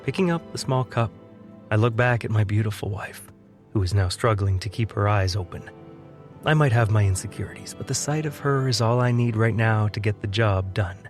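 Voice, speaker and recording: A man giving first-person audiobook narration of a thriller in a calm, measured, quietly menacing way. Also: lowish voice, faint music behind.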